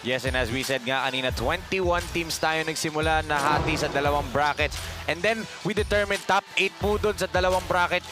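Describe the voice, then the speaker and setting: A Filipino man with a fairly high voice commentates live sport over clear background music. He explains things conversationally and repeats himself for emphasis. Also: fairly even intonation, fairly quick. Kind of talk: live basketball commentary in Taglish.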